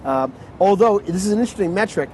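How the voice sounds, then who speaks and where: A man's voice: sits high, animated, quick pace, a little mellow. Chatty man explaining his old car outdoors. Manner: enthusiastic, rambling explanations with fillers. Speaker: car owner guest. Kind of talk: casual chat. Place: outdoors on a city street. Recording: noisy outdoor street sound.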